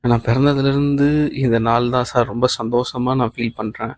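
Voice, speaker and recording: A man's voice: medium pitch, level tone, fairly quick, no echo, close to an everyday voice. A man reading the lines of a young woman employee, anxious and overjoyed, in an audiobook of a novel, naming the speaker before each line. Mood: grateful.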